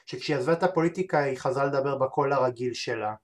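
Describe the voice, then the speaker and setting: A man interviews his guest at an ordinary middle pitch. He talks haltingly and thinks aloud, stringing his thoughts together with frequent fillers and restarts. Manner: hesitant, many filler sounds and restarts. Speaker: podcast host. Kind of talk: interview conversation.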